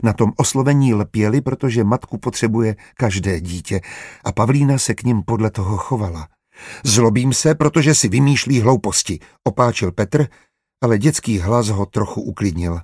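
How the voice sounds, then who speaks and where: A man narrating an audiobook in a measured, even storytelling manner on a close studio mic. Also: on the low side, slightly rough, dry recording.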